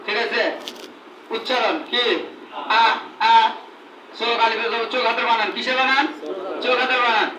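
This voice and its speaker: Man, very high voice, teacher, call-and-response drill, repeats questions, distant mic, noisy echoey room. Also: flat delivery, fast talker, long pauses, bright, forceful tone. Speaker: Quran reading teacher training instructors.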